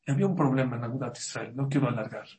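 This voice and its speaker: A man's voice: mid-range voice, rapid-fire. Dramatic man telling a story. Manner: dramatic storyteller, swings from loud outbursts to near-whispers. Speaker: rabbi giving a talk. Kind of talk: storytelling sermon.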